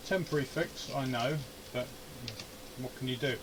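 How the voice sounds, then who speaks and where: This amateur radio hobbyist and video host talks at a normal speed in a mid-range voice while fixing something indoors in his home radio shack. His commentary is casual and peppered with grumbles and self-directed muttering, and the background is noisy.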